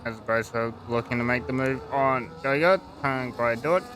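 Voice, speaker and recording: A man's voice: mid-range voice, normal speed, a bit bright, slight background noise. A man giving informal live motorsport commentary on a sim race, hesitant and thinking aloud as he goes.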